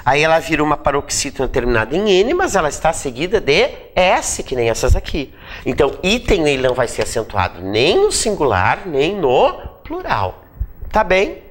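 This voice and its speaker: Lively man teaching grammar. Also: fairly high pitch, moderate pace, a little hiss or hum. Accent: Brazilian Portuguese. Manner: checks in with tag questions; repeats points for emphasis. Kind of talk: grammar lesson.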